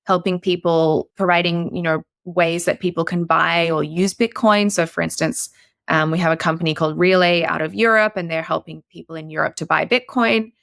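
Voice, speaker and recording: A woman's voice: on the low side, steady tone, normal speed, vocal fry, fairly bright tone, dry recording, studio quality. A woman from Australia, a guest investor on a podcast interview, chatty with many fillers and restarts.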